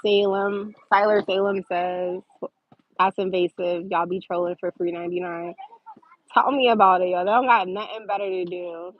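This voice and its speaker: A woman's voice: medium pitch, moderate pace, no echo. Sarcastic lady going live, answering comments, laughs a lot, kinda dull dry mic. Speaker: livestream host reading viewer comments. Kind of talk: casual livestream chat.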